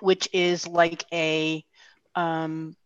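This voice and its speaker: A middle-aged woman talks casually over a video call, her lowish voice friendly and full of fillers. The headset audio sounds muffled and dry. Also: little pitch movement, very slow, clean tone, no room sound. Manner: chatty, friendly, filler-heavy. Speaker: co-host. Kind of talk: casual chat. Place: home room.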